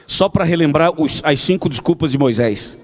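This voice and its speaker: Pastor telling a story, hall echo. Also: male voice, fairly high pitch, animated, moderate pace. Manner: conversational storytelling, rhetorical questions. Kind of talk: evening prayer sermon.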